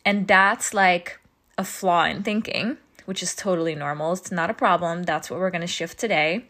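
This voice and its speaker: A woman's voice: fairly low pitch, normal speed, sharp tone. A woman in her thirties, a business coach talking casually to her audience, out of breath, chatty and asking "right?" often. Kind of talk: casual teaching talk.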